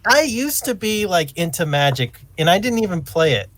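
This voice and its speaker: A man's voice: sits high, very animated, brisk, a bit bright. A man co-hosting a casual podcast, chatty and poking fun at himself. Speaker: podcast co-host.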